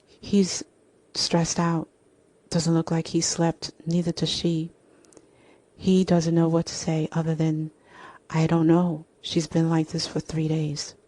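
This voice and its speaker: A woman voicing an anxious young man, halting and worried. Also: deep voice, completely flat delivery, warm tone.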